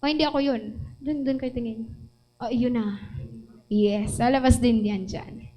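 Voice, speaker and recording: A woman preacher with a Filipino accent delivering an animated sermon, mixing Tagalog and English and asking the congregation questions. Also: a little high, measured pace, rough recording.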